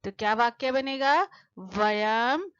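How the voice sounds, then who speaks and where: A woman teaching a lesson to children, patiently asking questions and answering them, slowing down to spell out word forms. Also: fairly high pitch, fairly bright tone, no echo, lo-fi sound. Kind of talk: explaining a textbook lesson to children.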